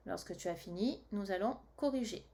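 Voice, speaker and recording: A woman teacher giving a slow dictation lesson to young children, reading the sentence word by word and adding spelling reminders. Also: mid-range voice, mellow.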